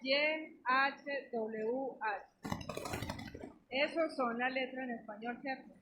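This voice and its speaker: A woman's voice: high voice, steady tone, slow pace, dull audio, background noise. A woman pastor preaching a sermon to her congregation, emphatic and questioning, teaching with questions. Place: church.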